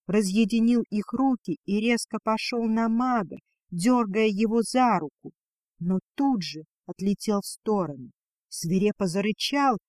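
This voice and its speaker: A man reading a fantasy novel aloud as an audiobook narrator, in a steady storytelling manner. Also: high-pitched, no room sound, clean studio sound.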